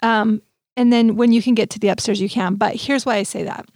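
Higher-voiced woman in an episode teaser, slightly creaky. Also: fairly even intonation, fairly quick, a little mellow, no room sound, clean studio sound. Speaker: host giving advice. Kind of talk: next episode teaser for an advice show.

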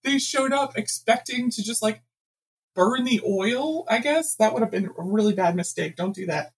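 Woman, guest author, husky voice, animated storyteller, laughs often. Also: on the high side, moderate pace, poor audio. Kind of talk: casual storytelling interview.

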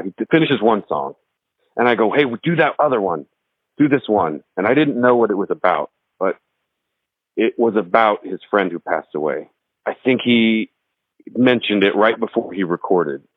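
Man, from Texas, very low pitch, casual rambling recollection, restarts, dry phone-like recording. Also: moderate pace, dry recording. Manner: loose, rambling storytelling with restarts. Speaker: musician and homeowner telling a ghost story. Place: his house in the woods. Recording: dry, thin phone-like sound.

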